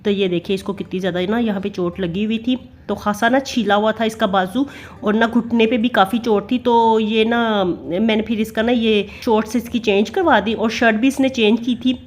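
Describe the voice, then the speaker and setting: A woman's voice: on the high side, fairly even intonation, normal speed. A middle-aged woman with a Pakistani Urdu accent, chatting in a homely way as she narrates her family vlog. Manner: chatty, homely, many fillers. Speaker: family vlogger. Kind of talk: casual voice-over narration.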